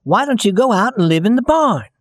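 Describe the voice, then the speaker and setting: A man voicing a kind rag doll girl in a storybook reading, with a soft, lilting delivery. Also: high-pitched, animated, brisk, no room sound, clean studio sound, pitched above the performer's own voice. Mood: gentle.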